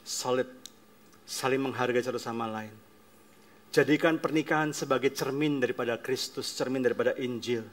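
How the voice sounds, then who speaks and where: A male pastor preaching a sermon, emphatic, swinging between loud declarations and soft asides. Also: mid-range voice, steady tone, normal speed.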